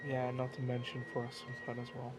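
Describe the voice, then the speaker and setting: A man's voice: mid-range voice, completely flat delivery, fast talker. A man co-commentating a sim race live, adding analytical details about gaps and pit stops. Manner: analytical, adds reference details. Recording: loud engine noise on stream. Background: race car engine noise.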